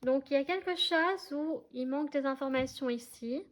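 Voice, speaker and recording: A woman's voice: sits high, moderate pace. A woman giving a casual tarot reading to her viewers, chatty and hesitant, often checking that they follow her. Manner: chatty, hesitant, many fillers, addresses viewers directly. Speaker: tarot card reader.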